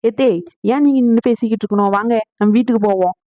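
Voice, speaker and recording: A woman's voice: a little high, quick pace, dry recording, lightly acted. Woman as young wife, worried, placating, lo-fi cartoon dub. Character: young wife, fretful and sensible. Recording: dull lo-fi dry audio.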